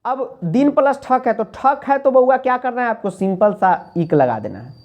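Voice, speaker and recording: A man's voice: very high-pitched, lively intonation, normal speed, darkish tone. A man teaching an online class, in a playful, coaxing manner, often checking whether students follow.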